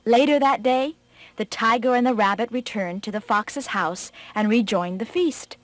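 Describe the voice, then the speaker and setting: A woman's voice: a little high, normal speed, no room sound. Woman telling a children's story.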